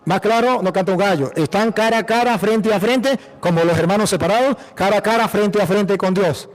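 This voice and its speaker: A priest from Venezuela with a Venezuelan accent, preaching emphatically, repeating phrases and asking rhetorical questions. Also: male voice, high-pitched, brisk. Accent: Venezuelan Spanish. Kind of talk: apologetic preaching.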